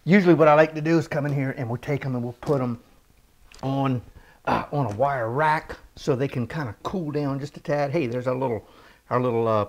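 Excitable cooking-show host, man. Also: mid-range voice. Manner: enthusiastic and chatty, quick chuckles and exclamations. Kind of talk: casual cooking demonstration.

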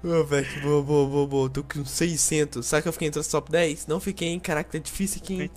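A young man with a Brazilian Portuguese accent playing an online game with a friend, loud and excitable, yelling at the screen. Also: fairly high pitch, a little fast, faint music behind. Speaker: gamer. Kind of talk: excited co-op gameplay chatter.

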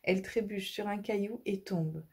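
A woman reading a children's audiobook, lively and expressive. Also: mid-range voice, moderate pace, husky. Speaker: storyteller.

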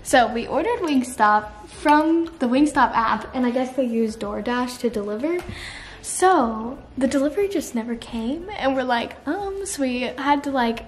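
A woman's voice: high voice, expressive, measured pace. A young woman chatting casually to a handheld camera in a playful, teasing way as she vlogs. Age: young adult. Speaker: vlogger. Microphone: camera at arm's length. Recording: noisy outdoor handheld camera, background ambience.

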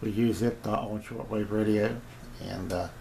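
A gravelly, darkish voice on the low side with fairly even intonation belongs to a middle-aged or older amateur radio hobbyist. In his small indoor home radio room, he gives a casual, unscripted equipment review, rambling with long hesitations, captured on a noisy home camera.

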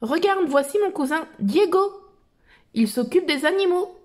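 A woman voicing a cheerful young explorer girl in a children's storybook reading, asking bright quiz questions. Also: very high-pitched, animated, measured pace, voice pushed up. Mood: cheerful, questioning.

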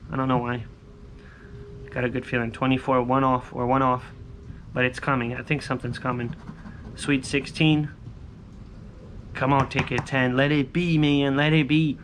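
A man's voice: medium pitch, level tone, moderate pace, long pauses, a bit bright. A man in his thirties chatting casually to viewers as host, in short, repetitive, informal phrases, recorded outdoors on a patio. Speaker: scratch-off lottery video host. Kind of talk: casual chat to viewers while scratching tickets. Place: covered outdoor patio by a pool. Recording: clear ambient background noise.

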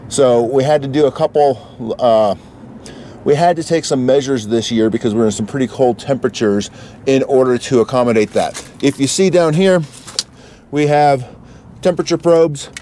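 A man's voice: mid-range voice, normal speed, dark tone, a little hiss or hum. A man giving a casual, matter-of-fact walkthrough as an RV vlog host.

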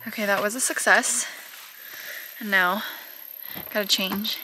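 A woman's voice: medium pitch, steady tone, a little slow, bright, forceful tone, slight background noise. A young adult woman chatting to her handheld camera while camping, telling stories with playful asides to viewers. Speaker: vlogger. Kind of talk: casual vlog chat to camera. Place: campsite outdoors and inside a car. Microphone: camera held at arm's length.

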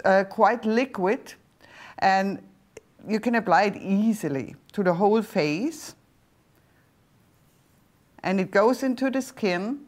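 A middle-aged woman with a German accent, a skincare doctor presenting a serum on a TV shopping channel, explaining in slightly halting non-native phrasing. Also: mid-range voice. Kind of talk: TV shopping product demonstration. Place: TV studio set. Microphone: lapel mic.

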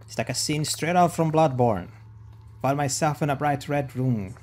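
A man's voice: a little high, moderate pace, darkish tone. A man streaming a game, reading its text aloud and adding casual commentary.

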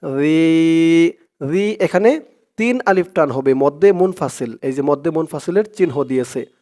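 A man teaching Quran recitation in a step-by-step lesson, with a Bangladeshi accent. He spells out each letter and vowel, then recites the words slowly and drawn out. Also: fairly high pitch, lively intonation, dark tone.

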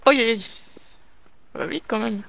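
Excitable gamer thinking aloud. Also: medium pitch, normal speed, vocal fry. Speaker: let's play gamer. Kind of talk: live gameplay commentary.

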